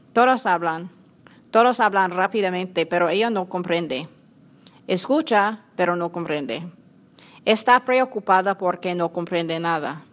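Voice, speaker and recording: A woman narrating a simple storybook in a clear, measured reading voice. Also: fairly low pitch, a bit bright.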